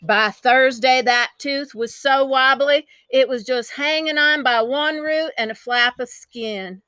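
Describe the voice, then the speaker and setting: In a full character voice, a woman plays a boastful, spirited country child telling a storybook, chatty and eager, her fairly high, bright tone laced with folksy drama. She takes her time, and the recording is clean, dry, and close, with no room sound.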